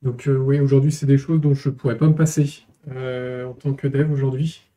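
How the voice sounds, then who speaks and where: A male developer chatting on a tech podcast, breaking down technical concepts plainly. His voice is very dark in tone and stays flat, with little rise or fall. Relaxed panel conversation. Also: medium pitch, moderate pace. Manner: explains technical terms plainly. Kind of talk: casual tech panel chat.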